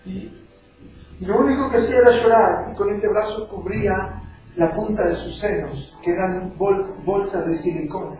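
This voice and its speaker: A high-voiced man preaches, weaving personal testimony into his sermon with heartfelt storytelling. His voice sounds distant from the mic and bounces around a very echoey hall. Faint music plays underneath. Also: moderate pace, darkish tone. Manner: emotional storytelling preacher, acting out quoted voices. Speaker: evangelist.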